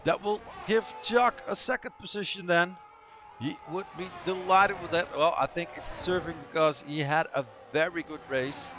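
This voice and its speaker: A man's voice: high voice, normal speed, background noise. A man commentating on online racing and calling results like an arena announcer, repeating short phrases for emphasis. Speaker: esports racing league commentator and host. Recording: music behind the voice. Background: music.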